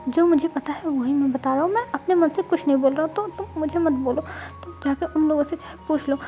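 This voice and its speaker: A woman's voice: sits high, quick pace, mellow, soft background music, lightly acted. A woman voicing a playful young man who teases and needles his friend, in a storybook reading. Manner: teasing, needling.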